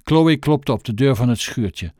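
A man narrates a children's story in an expressive, storytelling manner. His pitch moves lively up and down. The recording is dry and close, with no room sound. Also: measured pace, no echo. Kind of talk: audiobook narration.

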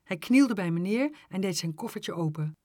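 A woman reading a children's story aloud in an unhurried, expressive way. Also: dry recording, studio quality. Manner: unhurried expressive reading, lively pitch on exclamations.

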